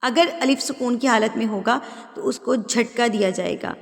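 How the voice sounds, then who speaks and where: A woman teaching Quran recitation rules step by step, explaining patiently, checking that students follow and drawing out example words slowly. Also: a little high, gravelly, big-room sound. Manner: switches into slow, drawn-out, louder recitation for examples. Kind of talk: step-by-step tajweed lesson.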